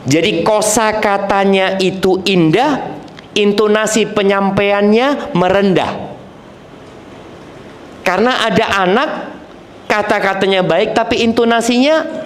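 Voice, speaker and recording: Slightly high-voiced male preacher. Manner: recites Arabic verses, then explains them conversationally; repeats phrases for emphasis. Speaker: Islamic preacher. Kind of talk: sermon.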